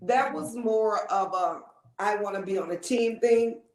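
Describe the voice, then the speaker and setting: A woman's voice: medium pitch, measured pace, a little mellow. Woman, 50s, talkative guest, repeats herself, roomy echo. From Lake Charles, Louisiana. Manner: chatty, repeats words, frequent ums. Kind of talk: casual interview storytelling.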